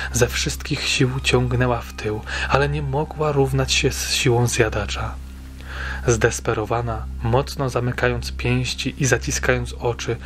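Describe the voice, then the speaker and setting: A man reading a story aloud in a steady, measured way, as an audiobook narrator. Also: medium pitch, slight background noise.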